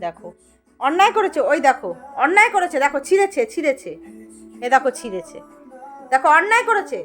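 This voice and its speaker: Woman vlogger, very high-pitched, lively, teasingly scolding, casual to-camera chat. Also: quick pace, soft background music. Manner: animated, playfully scolding and repeating herself. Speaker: vlogger showing her pet.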